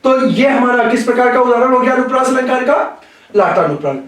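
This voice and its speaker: Male teacher, slow deliberate lecture, repeats phrases; recorded off-mic in a booming room. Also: fairly bright tone, far from the mic. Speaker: Hindi grammar teacher. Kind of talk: classroom lecture. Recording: very echoey room, voice away from the mic.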